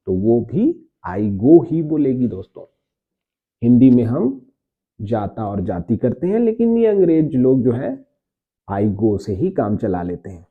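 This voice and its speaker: Slow, husky man teaching, tinny sound. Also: medium pitch. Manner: slow, repeats words and spells them out letter by letter; addresses viewers warmly as friends. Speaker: English teacher. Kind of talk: spoken grammar lesson. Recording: tinny phone-like audio.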